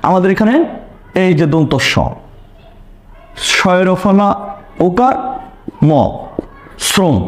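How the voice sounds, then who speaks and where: A man teaching an online pronunciation lesson, repeating key points and asking rhetorical questions. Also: high voice.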